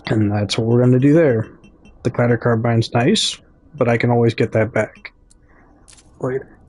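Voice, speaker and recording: A man's voice: medium pitch, fairly even intonation, moderate pace, darkish tone, husky. A man with a Midwestern American accent giving casual gameplay commentary, chatty and talking straight to his viewers, often correcting himself mid-thought. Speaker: gaming YouTuber.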